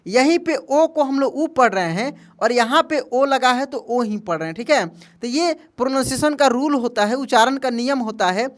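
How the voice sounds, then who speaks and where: A man's voice: extremely high pitch, fairly bright tone. A man teaching an English lesson who spells words out letter by letter, then asks his own quiz questions and answers them, calling listeners his friend. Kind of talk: spoken language lesson.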